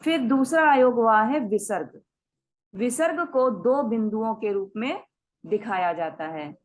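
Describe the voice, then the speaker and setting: A woman teaching a Sanskrit grammar class. She explains step by step, sounds out each example word slowly, mixes English words into her Hindi and keeps checking in with her students. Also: fairly high pitch, lively intonation, low-quality recording.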